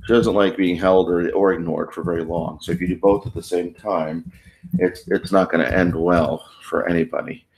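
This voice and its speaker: A man's voice: sits low, steady tone, normal speed, creaky, darkish tone. Tired man rambling in casual chat. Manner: rambling, self-interrupting. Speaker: co-host of a live stream discussion.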